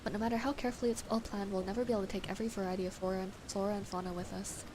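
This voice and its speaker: A woman's voice: medium pitch, little pitch movement, racing, background noise, close to an everyday voice. A woman voicing a weary farmer who is worried about leaving, speaking in a subdued, rambling way. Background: game music.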